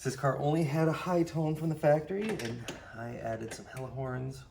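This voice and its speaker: A man giving a casual how-to walkthrough while working on a car engine, explaining each step in a plain, low-key way. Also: normal speed, creaky, background noise. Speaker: DIY car repair presenter.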